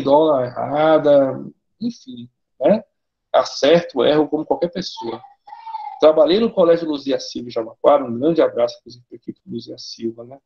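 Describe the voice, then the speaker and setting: A man with a Bahian accent giving a teacher-training lecture, lively and colloquial, often tagging his sentences with a questioning aside. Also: fairly high pitch, muffled recording. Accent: Bahian Portuguese.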